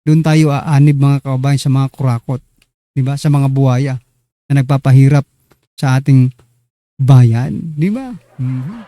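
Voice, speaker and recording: A man's voice: mid-range voice, a little slow, pauses often, warm tone, no echo. A man hosting a casual political commentary show, chatty and teasing as he talks straight to his viewers. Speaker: online news commentary host.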